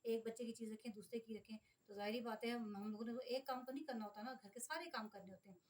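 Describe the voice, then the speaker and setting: A woman's voice: on the high side, quick pace. A middle-aged woman from Pakistan vlogging casually, talking to her viewers in an exasperated, complaining way. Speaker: vlogger, mother. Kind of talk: casual vlog monologue.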